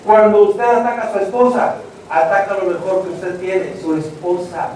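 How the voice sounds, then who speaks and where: Preaching an evangelistic sermon in church, a man addresses "hermanos" and tells stories with drama, acting out the voices. His high, darkish voice has little pitch movement and a normal pace, and the distant mic in the echoey hall picks up a little hiss or hum.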